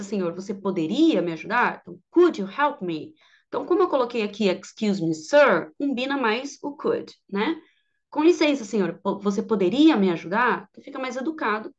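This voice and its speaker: A Brazilian woman with a fairly high voice gives an online English lesson. She explains each point step by step and reads the English examples slowly and clearly. The recording sounds dull and lo-fi. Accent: Brazilian Portuguese. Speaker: English teacher.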